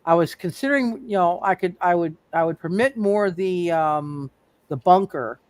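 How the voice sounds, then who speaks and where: A game master casually narrates a tabletop roleplay in a mid-range voice at normal speed, often repeating words and phrases while working out what happens. There is no room sound.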